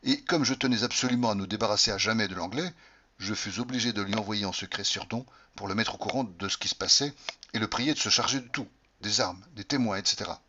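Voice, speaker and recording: Man, audiobook narrator, first-person novel, expressive, bright tone, muffled recording. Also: lowish voice, quick pace, slight background noise. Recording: slightly dull lo-fi recording.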